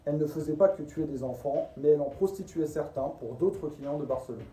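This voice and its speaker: A man's voice: on the high side, fairly quick, dark tone. A man narrating a scripted true-crime story as a storyteller and host. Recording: roomy echo, distant from the mic.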